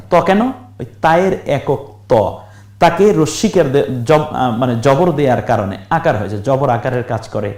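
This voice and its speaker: A man's voice: medium pitch, darkish tone, reverberant. A man teaching how to read aloud, spelling words out syllable by syllable and asking viewers questions. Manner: slow syllable-by-syllable drilling, asks viewers questions. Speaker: Quran reading teacher. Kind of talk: recorded lesson, spelling and chanting words.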